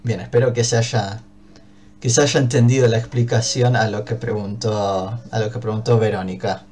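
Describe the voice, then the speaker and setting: A man's voice: lowish voice, steady tone, normal speed, darkish tone. A man with an Argentine Spanish accent teaching an English class, explaining patiently and checking often that his students follow. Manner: patient, checks understanding with frequent "¿bien?".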